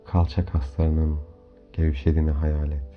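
A man with a deep voice leads a guided meditation over clearly audible music. His delivery is calm, soft and soothing, with measured instructions and unhurried pauses. The recording sounds slightly dull and lo-fi. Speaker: guided hypnomeditation host. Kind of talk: slow guided meditation narration. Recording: dull lo-fi audio under music. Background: clear background music.

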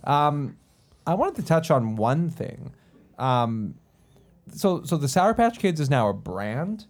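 A man's voice: fairly high pitch, very animated, slow pace. A man hosting a podcast, casually chatting and playfully steering the conversation. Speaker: podcast host. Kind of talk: casual chat. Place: studio.

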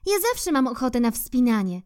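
A woman voicing an eager, persistent female squirrel in a children's storybook reading, in a high, bright, coaxing voice. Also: big pitch swings, brisk, clear, resonant tone. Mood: disappointed, coaxing.

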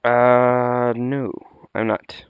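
A young man co-hosts in a casual, conversational way. His voice sits fairly low and has a gravelly creak. The sound is slightly dull and lo-fi, close up with little room around it. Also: little pitch movement, extremely slow, no room sound. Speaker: podcast co-host. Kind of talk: casual chat.

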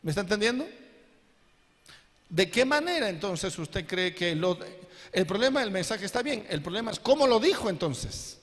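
A man's voice: sits high, big pitch swings, normal speed, a bit bright. A male pastor preaching a sermon who keeps asking the congregation whether they understand him. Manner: asks the congregation questions again and again. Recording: long hall reverb.

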